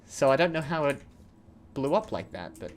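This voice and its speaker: Playing a video game, a young let's play host chats in a sing-song, mid-range voice at a moderate pace, with a little hiss or hum on the recording. His casual commentary rambles, and he keeps cutting himself off mid-sentence.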